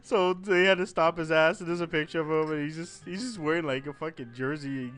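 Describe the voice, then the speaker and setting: A man with a slightly raised pitch hosts a loose, casual podcast. He tells rambling stories full of fillers and cursing, and he often cracks himself up mid-sentence. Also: fairly even intonation, fairly quick, a bit bright, soft background music. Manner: rambling anecdotes, laughs and swears often. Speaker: podcast host.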